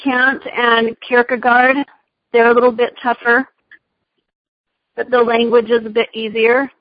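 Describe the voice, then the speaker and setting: A woman's voice: fairly high pitch, little pitch movement, measured pace. A woman teacher answering questions in a casual discussion, friendly and often hesitating with fillers. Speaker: teacher giving advice. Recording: dull dry lo-fi sound.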